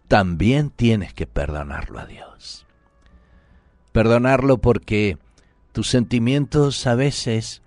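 A man's voice: mid-range voice, a little mellow, no echo. A man preaching a sermon in an earnest, pleading, intimate way, sometimes dropping to a whisper.

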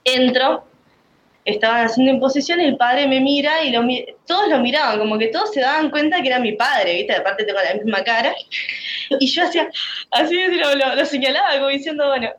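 A woman's voice: high voice, a little fast, fairly bright tone, muffled recording, slight background noise. A woman with a Rioplatense Spanish accent giving an emotional, rambling personal faith testimony, full of restarts.

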